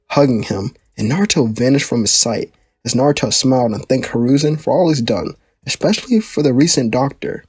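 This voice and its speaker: Husky young man reading fan fiction. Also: mid-range voice, dry recording, clean studio sound. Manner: casual, plain storytelling delivery. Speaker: fan-fiction narrator and channel host. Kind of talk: reading a fan story aloud.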